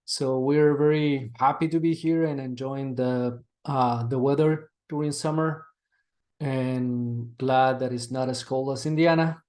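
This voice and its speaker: A man from Chile with a Chilean Spanish accent, answering interview questions over a video call with halting speech and frequent restarts. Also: mid-range voice, steady tone, a little mellow. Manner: halting, with many restarts and "like" fillers. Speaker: interview guest, seminary director.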